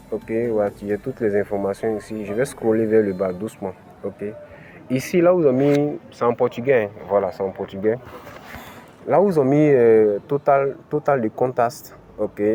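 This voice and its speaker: Step by step, a crypto channel host with an African French accent explains a screen-recorded tutorial, frequently dropping in "ok" and "voilà." His dark voice sits on the low side at a moderate pace, and there's slight background noise.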